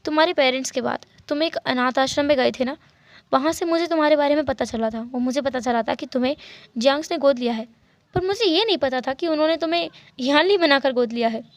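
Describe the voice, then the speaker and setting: A composed young husband who speaks slowly and softly, gently teasing, as a woman voices him in a story reading. The voice itself is high. It is recorded close and dry. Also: dry recording. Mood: explaining. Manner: slow, unhurried, soft-spoken.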